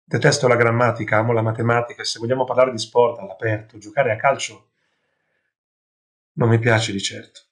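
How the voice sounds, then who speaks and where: A man's voice: mid-range voice, flat delivery, brisk, close to an everyday voice. A man doing a fed-up invisible boy. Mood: defiant. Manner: earnest, pointed questions.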